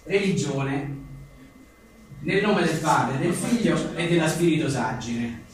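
Slowly and expressively, a man with a slightly high voice reads his comic aphorisms, breaking off for wry, chatty, self-deprecating asides. The setting is a book presentation in an echoing venue. A distant mic captures the very echoey room along with faint noise.

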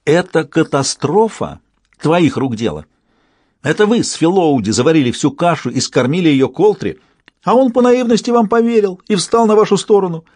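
Guy putting on a shrill old woman elder yelling at everyone, higher and louder, dry sound. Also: lively intonation, normal speed, no room sound.

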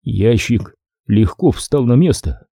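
A man narrating a crime audiobook in measured, expressive storytelling. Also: mid-range voice, gravelly, no echo, clean studio sound. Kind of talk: scripted narration.

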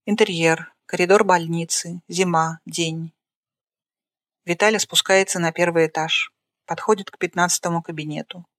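A narrator reading the stage directions of a screenplay aloud in a plain, flat way. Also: medium pitch, no room sound, clean studio sound.

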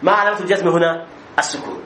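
A man's voice: high-pitched, steady tone, racing, sharp tone, echoey room, slight background noise, poor audio. A man teaching a classroom grammar lesson, explaining step by step and often checking that the students understand.

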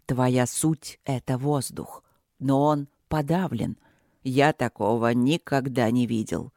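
A reader voicing a calm, wise male dragon lord who speaks slowly and soothingly, in an audiobook. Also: mid-range voice, no room sound, studio quality, voice pushed down. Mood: serene. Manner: slow, even, soothing.

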